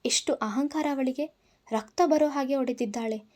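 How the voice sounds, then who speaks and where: A woman's voice: sits high, normal speed, a little mellow, lightly acted. A woman voicing a hot-tempered young woman who speaks in an indignant, urgent way, in a storybook reading.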